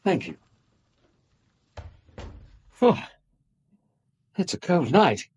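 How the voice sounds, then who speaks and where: An actor playing an affable middle-aged Victorian gentleman doctor with an English accent, courteous and hearty, in a radio drama. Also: high voice, big pitch swings, extremely slow, husky, exaggerated voice. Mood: friendly, hearty.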